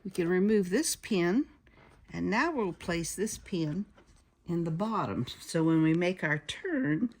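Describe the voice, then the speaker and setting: A woman's voice: lowish voice, animated, slow pace, a little mellow. A woman giving a hands-on sewing tutorial, explaining each step as she goes, with sewing machine noise behind her. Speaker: sewing instructor. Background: sewing machine noise and clicks.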